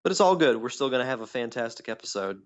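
A man's voice: mid-range voice, animated, fast talker. A man co-hosting a casual podcast, calling in by phone so his voice sounds tinny and metallic, chatting eagerly like a fan. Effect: tinny phone-line sound. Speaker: podcast co-host. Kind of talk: casual chat. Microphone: phone call. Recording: dull lo-fi phone line.

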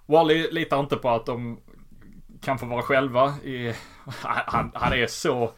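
A man's voice: medium pitch, fairly even intonation, fairly bright tone. A man who animatedly retells the plot of a comic in a casual chat, often laughing as he goes. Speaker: podcast host. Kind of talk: casual comic book recap.

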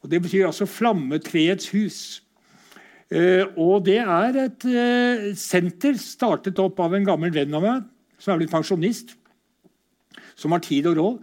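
A man's voice: high voice, darkish tone. A middle-aged Norwegian man giving a casual, conversational lecture over slides, often asking rhetorical questions.

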